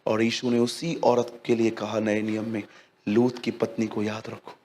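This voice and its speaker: A man preaching a sermon in a church hall, lively and joking with the congregation. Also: fairly low pitch, moderate pace, slight background noise. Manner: lively, joking with the congregation, acts out little scenes. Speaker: pastor.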